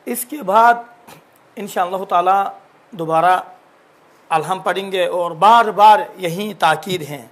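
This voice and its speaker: A man teaching Quran recitation in a religious lesson, explaining patiently and drawing out syllables to demonstrate. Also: sits high. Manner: drawn-out demonstration of syllables and words; explaining, repeating examples patiently.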